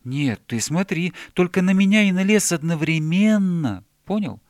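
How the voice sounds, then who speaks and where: A man's voice: high voice, moderate pace, dry recording, clean studio sound, voice pushed up. A man voicing an eager little hedgehog. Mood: explaining. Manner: excited, explaining with urgency. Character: small eager male hedgehog, fussy and insistent. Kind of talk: storybook reading.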